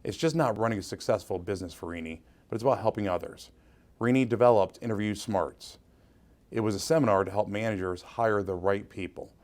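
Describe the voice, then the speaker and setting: Man presenting an award, somewhat low voice, earnest prepared tribute. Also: a little fast, a little mellow. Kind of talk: reading a tribute speech.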